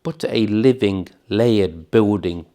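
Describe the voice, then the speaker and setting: A man narrates a scripted heritage documentary at a very unhurried pace. His voice sits fairly low, and he uses solemn, measured phrasing with dramatic pauses. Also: dark tone.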